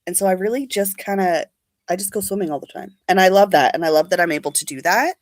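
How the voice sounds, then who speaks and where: This casual beauty vlogger, a young woman with a fairly low voice, talks fast during a livestream, rambling while she reads out and responds to viewer comments. Allergies leave her a bit sniffly. The recording is dead dry, without any echo.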